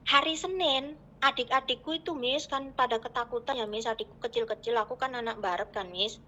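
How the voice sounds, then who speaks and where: Bright-voiced Javanese woman pouring out her story. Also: on the high side, fairly quick, lo-fi sound. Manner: earnest, addresses listener as Miss constantly. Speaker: caller telling her story. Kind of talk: emotional personal storytelling. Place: in Hong Kong.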